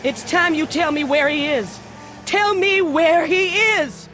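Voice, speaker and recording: A formidable, hot-tempered older mother in a video game. Her voice is high and demanding, with music playing behind it. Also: expressive, normal speed, fairly bright tone. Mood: angry, demanding. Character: fierce, irate older mother and shopkeeper. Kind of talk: video game character acting.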